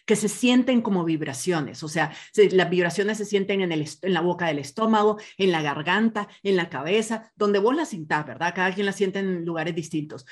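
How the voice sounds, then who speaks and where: Podcast host, woman, calm explainer, medium pitch. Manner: calm, explanatory, uses voseo. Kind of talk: interview podcast.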